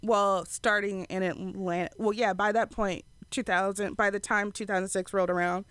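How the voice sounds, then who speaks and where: A woman's voice: medium pitch, steady tone, moderate pace, fairly bright tone, smooth, no echo. Woman producer, casual rambling talker who swears freely; dry, close studio sound. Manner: rambling, many fillers and restarts, swears freely. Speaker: podcast producer. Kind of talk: casual chat. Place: podcast studio.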